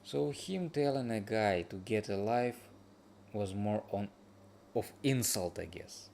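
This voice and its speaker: Tired, slow, gravelly-voiced man. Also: on the low side, animated, darkish tone, a little hiss or hum. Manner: halting, drifting, drowsy phrasing. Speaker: streamer reacting to a video review. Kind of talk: casual late-night reaction chat.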